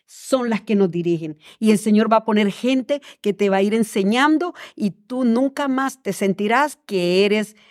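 A woman's voice: medium pitch, normal speed, hardly any pauses, darkish tone. A woman speaking fluently and earnestly in a devotional talk, addressing the listener directly with encouragement about faith.

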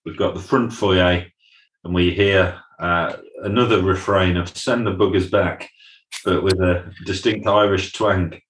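This co-host walks through a recap in a chatty way, frequently quoting scenes in comic voices. His low voice is steady and fairly bright, and he keeps a measured pace. The room echo is noticeable.

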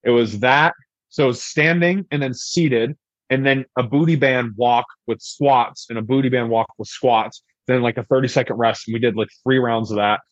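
A man's voice: mid-range voice, steady tone, normal speed, no echo. A young man on a podcast, telling a story in a loose, rambling way, full of "like" and swearing. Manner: rambling, heavy use of "like", profane. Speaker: podcast guest. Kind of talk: casual storytelling. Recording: dry, dull lo-fi podcast audio.

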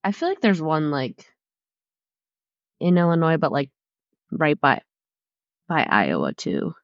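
Her voice sits low and swings widely in pitch, slow and free of echo, on a recording that's slightly muffled and lo-fi. She's a twenty-something co-host of a casual chat podcast, nasal from a cold, giggling and rambling with lots of "like"s.

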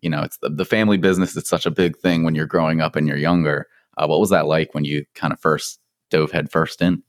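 Deep voiced guy hosting a podcast, chatty, lots of ums, dry close sound. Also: fairly even intonation, quick pace, no echo. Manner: friendly, chatty, with ums and laughs. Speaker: podcast host.

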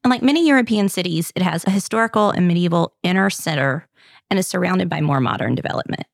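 A woman's voice: on the low side, animated, quick pace, gravelly, no room sound, studio quality. A woman with a Southern Kentucky accent, hosting a podcast and narrating in a chatty, upbeat way with jokes. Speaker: podcast host. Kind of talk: casual scripted narration.

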